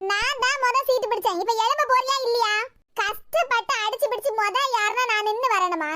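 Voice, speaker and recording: Woman w/ kanyakumari tamil doing cartoon village ladies, squeaky high and bright, bickering. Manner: quarrelsome, rapid banter in high cartoon voices. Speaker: cartoon voice artist. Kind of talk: voicing all cartoon characters.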